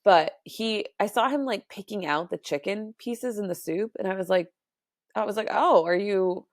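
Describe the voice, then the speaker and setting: A woman hosting a podcast, telling a story in a casual, sarcastic, animated way with lots of fillers. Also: mid-range voice, normal speed, dry recording, clean studio sound. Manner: sarcastic, animated retelling with mock voices; frequent fillers and laughs. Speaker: podcast host.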